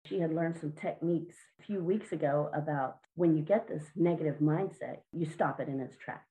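A woman's voice: low-pitched, moderate pace, warm tone, rough recording. A woman answering interview questions as a children's mindset coach, earnest and encouraging, sometimes repeating words.

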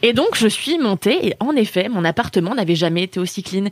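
A woman's voice: medium pitch, fast talker, husky, no room sound. A young woman co-hosting a casual podcast, telling funny stories with laughter and acted-out quotes. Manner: lively, laughing storyteller, acts out quotes. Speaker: podcast co-host. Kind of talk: casual podcast chat, storytelling.

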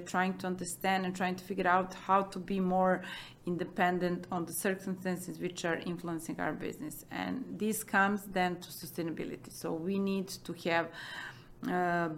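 Low, gravelly woman. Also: fairly bright tone, slight background noise. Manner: hesitant, many fillers and restarts. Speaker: business executive guest. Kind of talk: conversational interview answers.

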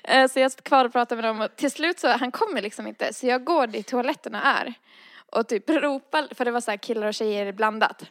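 A woman tells a personal story in a casual, chatty way, slipping into the voices of the people in it. Her voice sits a little high and has a gravelly fry to it. The sound is dry and close. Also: no room sound. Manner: acts out quoted dialogue, frequent fillers. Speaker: guest telling a personal story.

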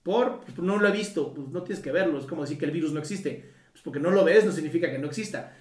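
A man's voice: a little high, fast talker. Mexican man, casual roomy talk. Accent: Mexican Spanish. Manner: colloquial, swears freely, frequent tag questions. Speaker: Gestalt psychotherapist. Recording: roomy echo, mic at a distance.

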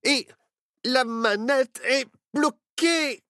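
A man voicing an excitable young boy adventurer in a children's storybook, exclaiming a lot. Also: extremely high pitch, drawn-out words, dry recording, studio quality, voice pushed up, exaggerated voice. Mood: excited.

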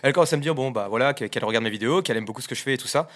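Fast-talking young man telling stories. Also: mid-range voice, fairly bright tone. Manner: fast, laughing, many fillers. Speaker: content creator on a live stream. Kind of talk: casual chat, telling anecdotes.

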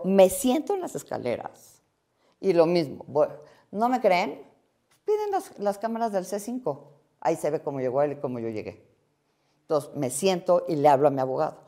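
A woman telling a story in an interview, lively and acting out the dialogue. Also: lowish voice. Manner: lively, acts out quoted dialogue.

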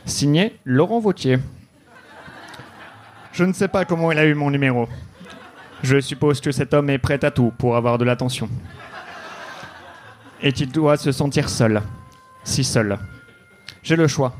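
A man telling a deadpan, mock-noir detective story live on a comedy club stage. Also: mid-range voice, unhurried, long pauses. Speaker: comedy podcast host.

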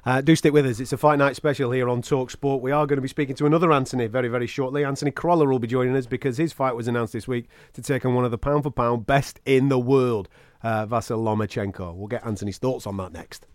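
A man presents live sports talk radio at a rapid clip in a mid-range voice. He is chatty and matey, and the sound is close and dry. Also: medium pitch, fairly even intonation, no echo. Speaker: radio sports show host.

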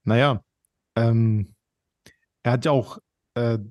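A man's voice: mid-range voice, fairly even intonation, slow pace, a little mellow, no room sound. A man co-hosting a podcast, chatting casually in short replies. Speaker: podcast co-host.

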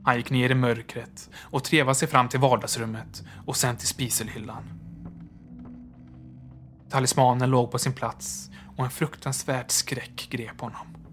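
Male narrator, horror story, hushed and measured, average pitch. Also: level tone.

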